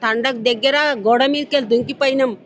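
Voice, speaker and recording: A woman's voice: on the high side, fairly even intonation, fast. An older woman farmer, crying as she pleads in a street interview. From Telangana. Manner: pleading, distressed, rhetorical questions. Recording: crowd noise behind.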